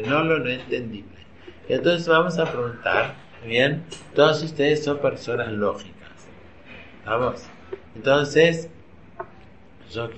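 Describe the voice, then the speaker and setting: A man with an Argentine Spanish accent gives an informal, chatty religious lecture to a class of women, constantly quizzing them with questions. His voice is medium-pitched and a bit bright. The recording is roomy and slightly dull, with a faint hum.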